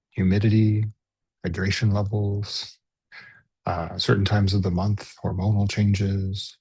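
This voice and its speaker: A man acting as a teacher leads a guided body scan meditation in a soft, breathy, husky, low-pitched voice. He speaks gently and without hurry, pausing between short phrases. The recording is low quality, with no echo.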